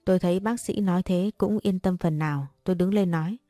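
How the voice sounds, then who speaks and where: A woman narrates her own story at a quick pace, delivering all the characters' lines in her normal voice, which is mellow, dark-toned, and slightly low. Faint music sits beneath the close, dry recording, with no echo.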